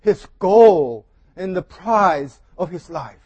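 A man with a high voice preaching from a pulpit microphone, taking his time over each phrase. The sound is close and dry, with almost no room echo. He speaks in short, deliberate bursts, pausing between them. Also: lively intonation, a little mellow, husky, dull audio. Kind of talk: sermon delivered in short phrases for an interpreter.

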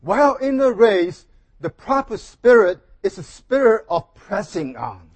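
A man with a high voice preaching from a pulpit microphone, taking his time over each phrase. The sound is close and dry, with almost no room echo. He speaks in short, deliberate bursts, pausing between them. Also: sing-song, husky. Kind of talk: sermon delivered in short phrases for an interpreter.

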